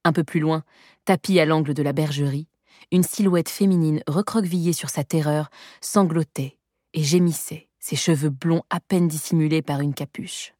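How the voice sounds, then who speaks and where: Woman reading a novel aloud, low voice, dry close sound. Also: steady tone, normal speed, warm tone, no room sound. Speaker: audiobook narrator. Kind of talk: scripted narration.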